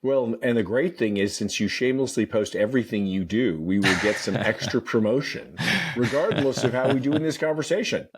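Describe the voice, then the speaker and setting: A man hosting a healthcare podcast speaks conversationally in an interview, often stalling on repeated words and starting over. His mid-range voice is husky, and he talks briskly with few pauses.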